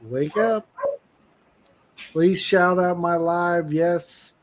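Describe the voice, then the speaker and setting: A man co-hosting a casual live stream with his wife, chatting loosely, thanking viewers by name and filling pauses with "uh". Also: high voice, no room sound. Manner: chatty, shouts out viewers, many "uh" fillers.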